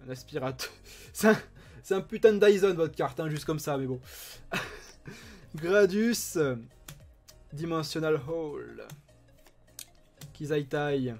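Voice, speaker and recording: A man's voice: on the high side, unhurried, vocal fry, long pauses, a little mellow, soft background music. Chatty man opening card packs. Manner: enthusiastic, chatty, reads card names aloud. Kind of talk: casual unboxing commentary.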